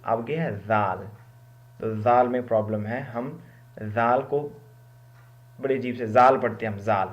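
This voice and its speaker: A man's voice: medium pitch, fairly even intonation, long pauses, muffled recording. A man from Pakistan, a Quran teacher, giving a spoken lesson on Arabic letter pronunciation, explaining and repeating each sound to demonstrate, with English words mixed in.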